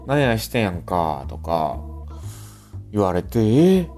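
A man's voice: sits low, animated, a little slow, soft background music. A man from Ehime with a Kansai-tinged accent, co-hosting a casual podcast chat and trailing off at line ends. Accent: Ehime mixed with Kansai. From Ehime, Japan. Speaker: podcast co-host.

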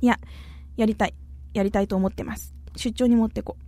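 Kyushu-accented woman hosting a chatty radio show, kinda high voice, dry close sound, playful. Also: steady tone, brisk, mellow, dry recording. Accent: Kyushu Japanese dialect. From Kumamoto, Japan. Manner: playful, chatty, often slips into dialect. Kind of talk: casual chat reading listener messages.

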